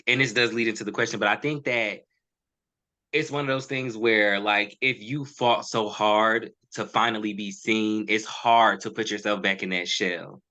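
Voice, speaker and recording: Young man, podcast guest, candid and reflective, bright tone, slightly low pitch. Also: moderate pace. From Charlotte, North Carolina. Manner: animated, reflective, with many restarts. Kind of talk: candid personal conversation.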